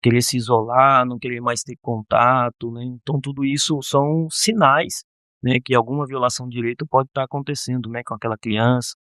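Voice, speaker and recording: A man, a counselor on a podcast, explaining in a measured way with frequent tag questions. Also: medium pitch, steady tone, fairly bright tone, dry recording, clean studio sound. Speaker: guardianship counselor. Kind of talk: podcast interview.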